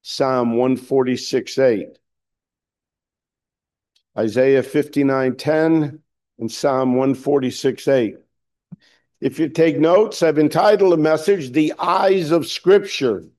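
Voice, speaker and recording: A male pastor preaching a sermon with a scratchy voice, clearing his throat often and speaking in a slow, deliberate way. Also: medium pitch, a little mellow.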